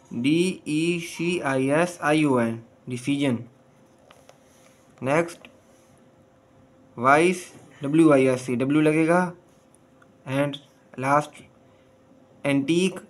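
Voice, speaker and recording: A man from Pakistan, teaching a textbook lesson slowly. He reads English lines and then explains them in Urdu. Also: on the high side.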